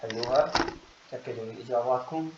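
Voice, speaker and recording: Man, English teacher, online class, patient explanations, mid-pitched voice, slightly dull lo-fi audio. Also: very fast, heavy background noise. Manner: explains grammar rules patiently, calls on students by name.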